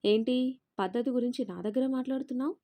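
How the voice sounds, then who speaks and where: A haughty middle-aged mother-in-law, as a woman storyteller puts her on, taunting and scornful in a spoken family drama. The voice sits fairly high with a mellow, warm tone. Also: fast talker, close to an everyday voice.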